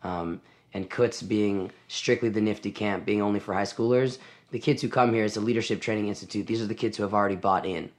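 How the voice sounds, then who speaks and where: A man's voice: lowish voice, fairly even intonation, a little fast. A man in his twenties, a camp song leader, talking thoughtfully in a casual interview. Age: 20s. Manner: thoughtful, talks in restarts.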